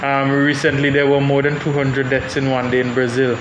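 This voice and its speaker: With a medium-pitched, completely flat delivery that runs a little fast, a young adult man from Saint Vincent and the Grenadines speaks on a panel. He sounds thoughtful and hesitant, restarting often. The recording comes from an echoey room with background noise.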